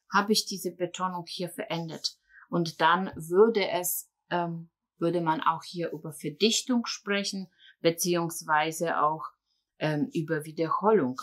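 Female art teacher, lowish voice, slow and searching delivery. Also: a bit bright. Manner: unhurried, many filler sounds, explaining while drawing. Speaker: painting teacher. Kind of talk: online seminar lesson.

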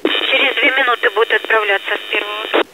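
A woman's voice: a little high, fairly even intonation, fast. A woman railway duty officer giving and confirming procedural orders over a two-way radio. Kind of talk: radio dispatch communication. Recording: noisy railway radio channel with clicks.

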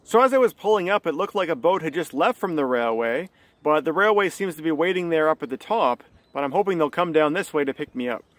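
Man narrating a calm river canoe trip. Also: fairly high pitch, quick pace, dry recording. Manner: calm, informative, tour-guide-like. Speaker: solo canoe vlogger. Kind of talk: casual travel narration. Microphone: phone camera at arm's length.

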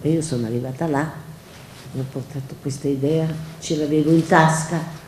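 Older woman guest, mellow low voice, lively storyteller; echoey hall, faint hiss. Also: moderate pace. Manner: lively anecdotes with acted dialogue. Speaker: guest author. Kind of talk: storytelling at a public talk. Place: event hall.

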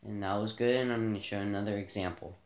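A man giving a casual gameplay tutorial, relaxed and thinking aloud as he plays in a dim room, filmed by a camera pointed at the TV. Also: on the low side, fast, reverberant. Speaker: gaming channel host.

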